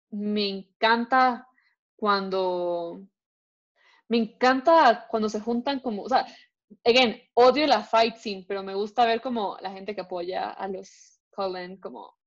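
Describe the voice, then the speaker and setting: A woman's voice: mid-range voice, measured pace. A young woman co-hosting a podcast in casual chat, freely mixing in English words. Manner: chatty, mixes Spanish and English. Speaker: podcast co-host. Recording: dull lo-fi recording.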